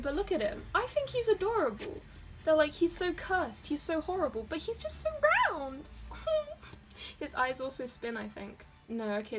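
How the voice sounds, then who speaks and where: Here a young woman from Dorset, England, chats her way through her sketchbook at her desk, rambling, giggling and making fun of herself in a casual tour. Her voice sits on the high side, with background noise present.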